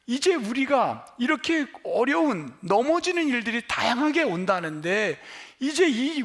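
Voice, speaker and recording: Male pastor, middle-aged, lively sermon delivery, high voice that rises and falls widely, quizzes his congregation. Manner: animated, questioning the congregation and answering himself.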